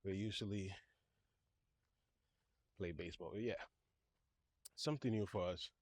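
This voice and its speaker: New dude filming himself walking in a park, kinda winded, rambly and repeats stuff, phone mic outdoors. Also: male voice, sits low, a little slow, darkish tone. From New York City. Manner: chatty, self-correcting, repeats phrases. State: out of breath. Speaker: vlogger, registered nurse. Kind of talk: casual walking vlog.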